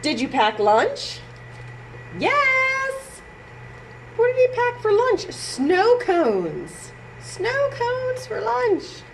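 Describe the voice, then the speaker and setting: A woman whose voice is very high and creaky stretches out her words while reading and singing to young children at a library storytime. Her tone is animated and playful, aimed right at the kids, on a rough, noisy recording.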